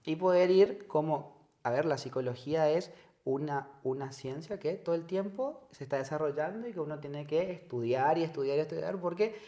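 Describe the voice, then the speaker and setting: A man's voice: a little high, moderate pace, dark tone. A man from northern Argentina with an Argentine accent, a psychologist guest in an interview, speaking reflectively and repeating words as he searches for phrasing. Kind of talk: conversational interview. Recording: echoey room.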